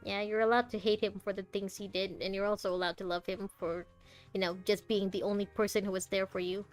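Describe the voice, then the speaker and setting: In this clip a woman streams a game, reacting aloud to the characters with casual, chatty commentary. Her voice is medium in pitch, level in tone and brisk, with game music faintly in the background.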